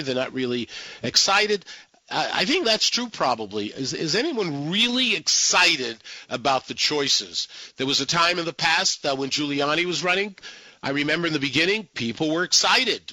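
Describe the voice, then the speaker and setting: A man hosting a live political call-in radio show, with halting, repetitive phrasing. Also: a little high, pushed and bright, dry recording, low-quality recording. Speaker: radio talk show host.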